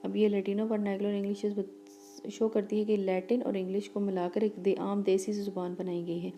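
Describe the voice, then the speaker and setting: A woman teacher giving a lecture, reading English lines slowly and explaining them quickly in between, with fillers and restarts. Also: medium pitch, level tone, dark tone, slight background noise.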